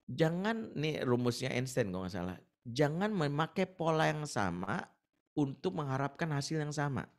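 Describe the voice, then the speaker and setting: A man's voice: fairly high pitch, moderate pace. A man speaking as an ustaz in a webinar on marriage, telling stories animatedly and acting out the voices of the people in them, heard over a video call. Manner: animated storytelling, acts out quoted voices.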